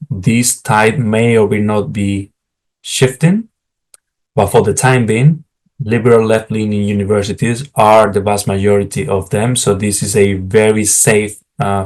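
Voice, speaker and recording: A middle-aged academic career advisor from Spain, a native Spanish speaker with an accent to match, talks frankly to camera about writing academic job materials, often addressing viewers directly in asides. His voice sits on the low side and is a little mellow.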